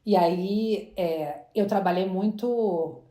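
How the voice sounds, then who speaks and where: This guest entrepreneur from Brazil, in her 40s, speaks slowly in a warm, lowish voice during a casual interview chat. She frequently restarts what she's saying, and the room adds noticeable echo.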